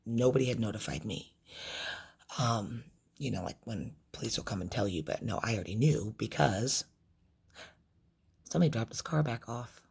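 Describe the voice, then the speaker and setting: A middle-aged woman telling a personal story in a vlog, in a halting, emotional way with many restarts and trailing phrases. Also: a bass voice, animated, gravelly, a little mellow, slightly rough. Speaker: vlogger recounting a loss.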